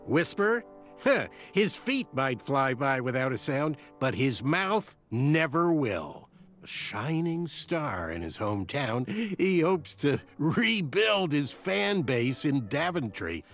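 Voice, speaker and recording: A man's voice: medium pitch, sing-song, slow, fairly bright tone, soft background music, exaggerated voice. An actor playing a chatty, well-informed male knight in a video game, polite and gossipy.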